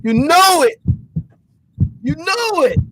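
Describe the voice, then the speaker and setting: A man hosting a livestream in loose, excitable casual chat, out of breath, calling out shout-outs in slang. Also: very high-pitched, slow, dry recording, poor audio. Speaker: livestream host.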